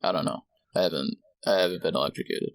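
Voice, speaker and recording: A man's voice: sits low, steady tone, fast talker, no room sound, clean studio sound. A man co-hosting a podcast, chatting casually with wry interjections. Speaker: podcast co-host. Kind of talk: casual chat.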